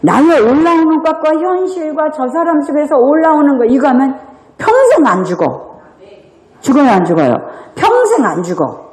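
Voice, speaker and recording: Animated woman preaching in an echoey church. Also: high voice, moderate pace. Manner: animated preaching with rhetorical questions and acted quarrels. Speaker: pastor. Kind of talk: sermon. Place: church sanctuary.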